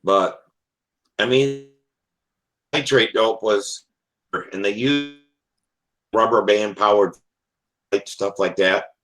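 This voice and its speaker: A man's voice: on the low side, steady tone, slow pace, long pauses, fairly bright tone. Man cutting out on a bad connection. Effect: voice breaking up on a bad online connection. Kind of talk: casual hobby chat on a group call.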